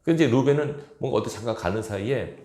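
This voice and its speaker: A man's voice: medium pitch, fast talker, dark tone, roomy sound. A male pastor preaching a storytelling sermon in a church, acting out the characters' quoted words. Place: church sanctuary.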